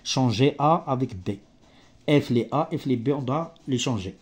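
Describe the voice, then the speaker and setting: A man with an animated, mid-range, slightly rough voice teaches maths off the cuff in French, which isn't his first language. His step-by-step explanation is halting and broken, with grammatical errors and searches for words.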